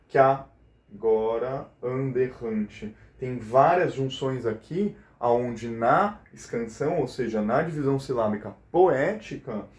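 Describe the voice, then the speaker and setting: A man teaching a recorded class lesson. His voice sits at an ordinary middle pitch, and he explains step by step while checking in with his students. The sound has a noticeable roomy echo. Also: a little mellow. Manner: explanatory, checks in with frequent questions.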